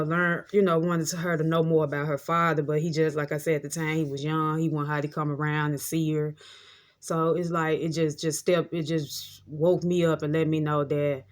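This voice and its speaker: Thirty-something woman just chatting her story out, kinda monotone, keeps saying like i say. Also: low voice. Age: 30s. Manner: rambling, repeats "like I say" often; heartfelt, reflective. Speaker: vlogger. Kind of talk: casual storytime monologue.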